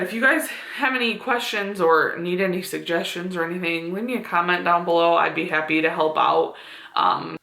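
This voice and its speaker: A woman's voice: lowish voice, gravelly, pushed and bright. A woman in her twenties, a beauty vlogger chatting casually to the camera with lots of fillers. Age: 20s. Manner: chatty, with frequent fillers and laughs. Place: room at home. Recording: echoey room.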